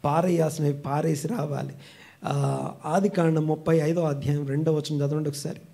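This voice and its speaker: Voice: mid-range voice, fairly even intonation, moderate pace, creaky, dark tone. A pastor preaching a sermon emphatically and calling on the congregation to repeat phrases back.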